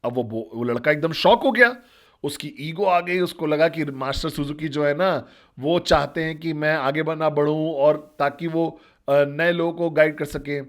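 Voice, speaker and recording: A man's voice: a little high, moderate pace. A man telling a story in a motivational talk as a network marketing trainer, speaking directly and asking the listeners questions.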